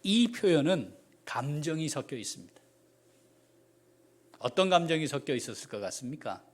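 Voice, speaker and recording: A pastor preaches a sermon at normal speed in a slightly high voice. His delivery is animated, jumping between loud exclamations and quiet asides, and he poses questions to the congregation.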